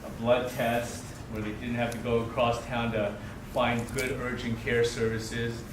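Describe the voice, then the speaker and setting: A man speaks to a live audience in a halting public welcome speech. His medium-pitched voice comes from some distance in an echoey venue, with heavy noise around it. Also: level tone. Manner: halting, addressing a gathered crowd. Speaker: medical center partner giving opening speech.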